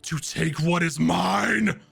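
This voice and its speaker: A huge green dragon guards his hoard, his thunderous voice filling the forest around the intruders, as a man puts him on. He draws each word out slowly and breathily, and he sounds a little distant. He comes across as a territorial, menacing creature in a tabletop game. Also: high voice, a bit bright, faint music behind, pitched above the performer's own voice, full character voice. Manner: thunderous voice that seems to fill the forest, slow and breathy. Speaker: game master.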